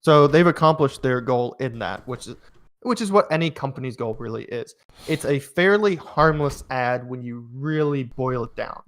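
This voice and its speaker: A young man co-hosting a podcast, making measured, analytical points with some fillers in casual chat. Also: mid-range voice, lively intonation. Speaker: podcast co-host.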